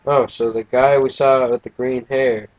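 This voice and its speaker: A man's voice: mid-range voice, flat delivery, a little slow, no room sound, highs cut off. A young man casually commentating a video game, tired and yawning, with a crude, joking, rambling manner. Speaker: let's play gamer.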